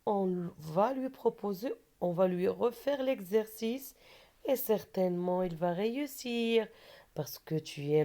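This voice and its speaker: A woman's voice: medium pitch, dark tone. A woman teacher giving a patient reading lesson for children, repeating syllables and words and asking questions that she answers herself.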